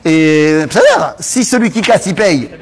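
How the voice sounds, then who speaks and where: A man leads a Torah lesson with a slightly high voice that swings widely up and down. He fires off rhetorical questions and drops Hebrew terms into his explanations. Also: lively intonation, measured pace. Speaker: Torah teacher. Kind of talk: lively Bible study lesson.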